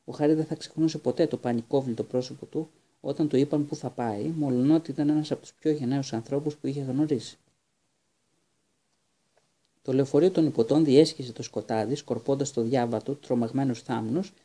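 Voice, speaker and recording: A man narrating an audiobook in a steady reading manner, with occasional small restarts. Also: mid-range voice. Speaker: audiobook reader.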